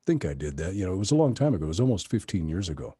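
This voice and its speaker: A man's voice: low voice, big pitch swings, very fast, dark tone, husky, no echo. A middle-aged man, a voice actor guest, chatting casually in an interview with many fillers and restarts. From Tucson, Arizona area.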